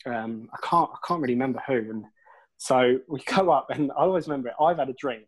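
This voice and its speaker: A man's voice: mid-range voice, fast, slightly rough, low-quality recording. A man, a musician guest telling rambling, laugh-filled stories and swearing freely. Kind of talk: casual storytelling interview.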